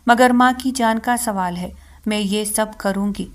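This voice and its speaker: A desperate young daughter in tears, from a storybook, read by a woman narrator. Her pleading lines come in a plain, steady delivery at a middle pitch. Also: natural voice.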